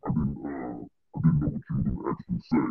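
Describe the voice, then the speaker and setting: A woman's voice: rumbling low, fairly even intonation, fast, breathy edge, no echo. Woman host with fuzz-distorted phone-like voice. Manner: friendly, informal, says y'all. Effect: heavy fuzzy distortion on her audio. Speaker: host of an online audio room. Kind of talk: casual chat.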